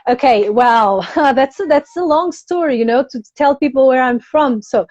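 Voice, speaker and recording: A woman who grew up in Portugal, a healing coach chatting as a guest on a live video call, bubbly and quick to laugh. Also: high voice, darkish tone, no room sound, lo-fi sound. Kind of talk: casual live-stream chat.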